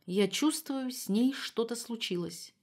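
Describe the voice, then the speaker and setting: A woman's voice: on the high side, animated, a little slow, a little mellow, voice pushed up. A woman voicing a dramatic, panicky retired mother who speaks in pompous, exclamatory outbursts. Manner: exclamatory, theatrical and rising.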